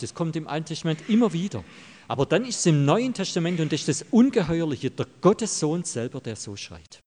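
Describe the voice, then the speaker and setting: A man's voice: on the high side, a little mellow. A pastor delivering a sermon in a church, emphatic and direct with the congregation, repeating his key phrases. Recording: long hall reverb.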